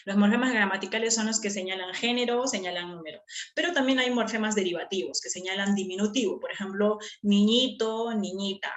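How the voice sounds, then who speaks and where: In an echoey room, a woman teacher patiently explains a lesson, repeating key terms and checking that students follow along. Her voice is mid-range and brisk.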